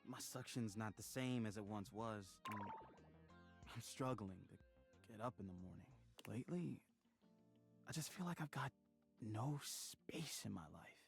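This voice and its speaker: Henry Hoove, a chummy vacuum cleaner. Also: male voice, fairly low pitch, unhurried, gravelly. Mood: wistful. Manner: upbeat, bouncy and chummy. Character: cheerful male talking vacuum cleaner, friendly and chatty. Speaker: dating game character. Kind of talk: video game voice acting. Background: game music.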